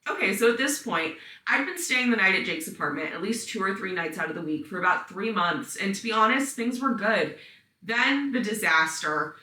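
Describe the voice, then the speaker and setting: Woman, podcast host, casual story-time narration, blunt and profane, bright voice, roomy sound a little off-mic. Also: medium pitch, expressive, normal speed, recorded from a distance. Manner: profane, blunt, chatty asides. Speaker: podcast host reading listener stories.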